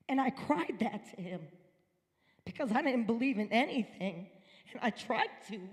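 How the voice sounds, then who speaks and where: A woman from upstate New York, invited as a guest speaker, shares her personal testimony in a church sanctuary with earnest emphasis. Her voice is high-leaning and mellow, resonating through the large hall.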